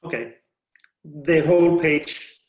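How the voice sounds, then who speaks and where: A middle-aged man giving an online presentation as a presenter, speaking in a halting, hesitant way. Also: a little high, steady tone. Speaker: presenter, IT and design specialist. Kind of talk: online presentation, interpreted in pauses. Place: indoor room on a video call. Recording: roomy, echoey video-call sound.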